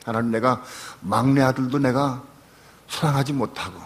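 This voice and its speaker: With a mid-range voice at normal speed, an older male pastor delivers a sermon that includes his personal testimony, moving from hushed storytelling to loud, pleading prayer.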